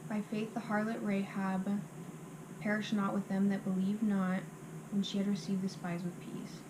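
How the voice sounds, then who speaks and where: Female reciter, mid-pitched and monotone, delivering memorised scripture by rote in halting phrases; noisy amateur recording.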